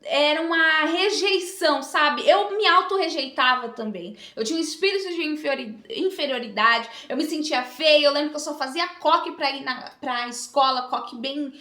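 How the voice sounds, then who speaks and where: Bright, echoey young woman telling a testimony. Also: high voice, moderate pace, hardly any pauses. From Brazil. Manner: heartfelt, earnest storytelling with emotional rises. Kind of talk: personal testimony. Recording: echoey room with faint music.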